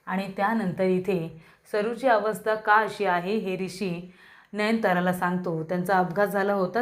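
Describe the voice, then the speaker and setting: A woman narrating a recap of a TV serial episode and addressing viewers directly. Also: medium pitch.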